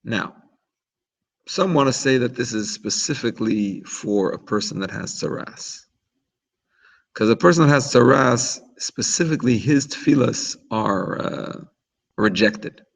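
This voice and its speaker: A man's voice: mid-range voice, lively intonation, a little slow, creaky, rough recording. A man teaching an informal religious class in a chatty, explanatory way, often restarting his sentences. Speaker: Torah teacher.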